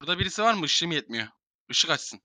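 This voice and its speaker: A man's voice: fairly high pitch, sing-song, fast talker, bright, forceful tone, no echo. A young man in casual game voice chat, bossily herding players into rooms and swearing. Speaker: gamer streamer.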